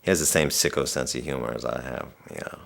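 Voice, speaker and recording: An actor playing a soldier with a dark sense of humor, bitter and profane. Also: male voice, a bass voice, fast talker, vocal fry, exaggerated voice. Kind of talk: dramatic monologue.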